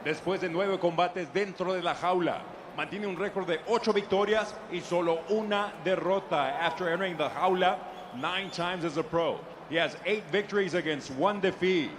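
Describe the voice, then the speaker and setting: A man's voice: high-pitched, noisy background. A man working as a bilingual ring announcer, making ceremonial fight introductions and decisions with showman flair. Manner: ceremonial, drawn-out showman delivery of fighter names.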